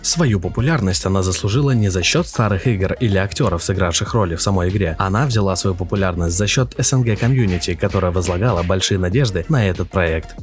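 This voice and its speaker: A man's voice: sits low, fast, few pauses. A man narrating a scripted, opinionated video essay as a game reviewer. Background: faint music.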